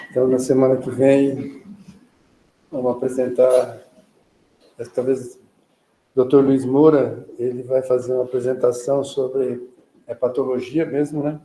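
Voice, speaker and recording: Brief: Brazilian male moderator, very dark monotone, wandering asides, roomy echo. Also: medium pitch, normal speed, long pauses, a little hiss or hum. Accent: Brazilian Portuguese. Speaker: meeting moderator, nephrologist. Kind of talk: moderating a clinical meeting. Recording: echoey meeting room.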